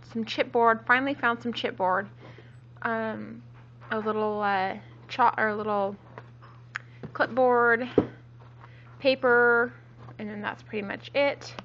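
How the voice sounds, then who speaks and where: Slow, sick-sounding woman touring her craft room. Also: fairly high pitch, pushed and bright, a little hiss or hum. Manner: meandering, self-correcting, many ums. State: sick, voice a little off. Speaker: crafting vlogger. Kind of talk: casual show-and-tell tour. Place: home craft room, kids nearby. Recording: dull lo-fi home video.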